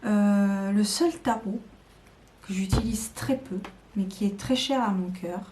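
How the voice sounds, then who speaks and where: Mellow-voiced woman chatting hesitantly. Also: medium pitch, measured pace, a little hiss or hum. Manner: hesitant, many fillers and restarts. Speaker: tarot video creator. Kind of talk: casual show-and-tell chat to camera.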